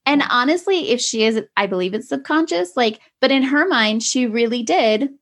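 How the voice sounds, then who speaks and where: A mother in her forties tells stories in a lively, chatty way, acting out the family's back-and-forth as she goes. Her voice sits a little on the high side. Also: moderate pace. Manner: animated storytelling, acts out family dialogue. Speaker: co-host and parent. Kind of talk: casual chat with anecdotes.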